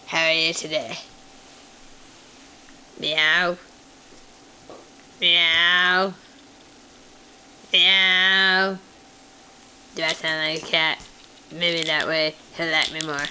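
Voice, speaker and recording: Lady puppeteer doing a shy little boy puppet, slow and bright, talks right to the kids. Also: fairly low pitch, steady tone, a little hiss or hum, heavily acted, rough recording. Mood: chatty. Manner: talks straight to the children, slow and simple. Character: timid childlike male puppet, wary of cats. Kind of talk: children's puppet show.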